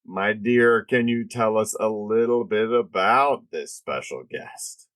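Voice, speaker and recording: A man's voice: lowish voice, slow pace, fairly bright tone, no echo. A man hosting a podcast in a casual, conversational style. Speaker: podcast host.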